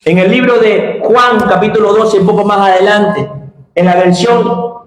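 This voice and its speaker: High-voiced preacher in an echoing church. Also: male voice, fairly even intonation. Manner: impassioned preaching, shifting between slow emphatic phrases and sudden shouts. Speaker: pastor. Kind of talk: sermon. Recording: very echoey church sanctuary.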